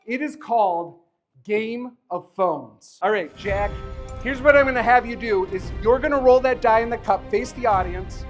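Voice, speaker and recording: High-pitched man doing magic show patter. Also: normal speed, lo-fi sound, faint music behind. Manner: joking, chuckling, encouraging banter. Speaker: magician performing a live show. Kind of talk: live stage patter with a volunteer. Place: live show in front of an audience.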